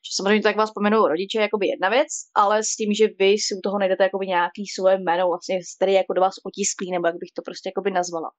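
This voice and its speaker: A woman's voice: on the high side, no echo, lo-fi sound. A woman casually telling a spooky childhood story on a stream, rambling and constantly padding with filler words. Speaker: guest storyteller.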